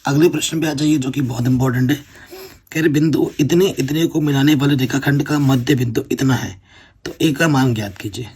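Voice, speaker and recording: A man with a medium-pitched, darkish, slightly breathy voice teaches a board-exam maths lesson at a brisk pace. He works through problems step by step, often checking that students follow with "theek hai na".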